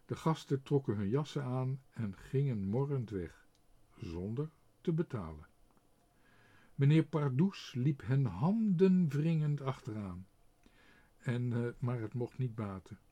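A man's voice: mid-range voice, dull audio. Een man met een hese stem die langzaam en expressief een kinderboek voorleest. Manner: slow and expressive. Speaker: reader. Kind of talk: reading a children's book aloud.

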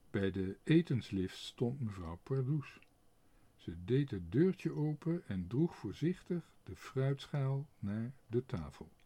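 A man with a husky, mid-range voice reads a children's book aloud. His delivery is slow and expressive.

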